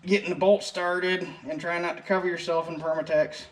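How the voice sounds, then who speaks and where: A man's voice: high-pitched, little pitch movement, a little fast, rough recording. A man with a rural American accent talks through a hands-on repair casually, in a folksy, salty-tongued way. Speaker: mechanic presenting his own repair.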